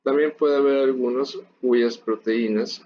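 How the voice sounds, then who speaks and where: A man's voice: mid-range voice, fairly even intonation, measured pace. A man giving a recorded university lecture, explaining steadily and speaking directly to his students. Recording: dull lo-fi audio with faint noise.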